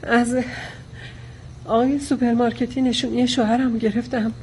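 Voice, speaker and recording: A woman's voice: a little high, little pitch movement, background noise, natural voice. An actress playing a bold woman who sarcastically challenges the men. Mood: sarcastic. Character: bold woman claiming to be the accused's wife.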